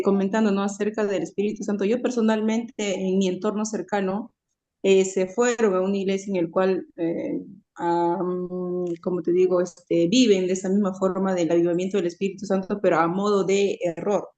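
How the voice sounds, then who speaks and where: A woman's voice: medium pitch, flat delivery, moderate pace, dark tone. A woman tells a personal story in an online Bible class over a video call. She acts out the dialogue and hesitates often with fillers.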